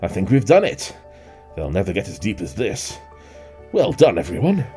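A man voicing a bold, excitable father fox in a storybook reading. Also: low-pitched, moderate pace, soft background music. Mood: relieved.

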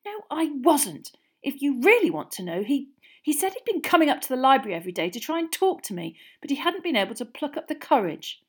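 A woman voicing an indignant, defensive teenage witch girl with a shrill, emphatic manner for an audiobook. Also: wildly swooping pitch, moderate pace, hardly any pauses, darkish tone.

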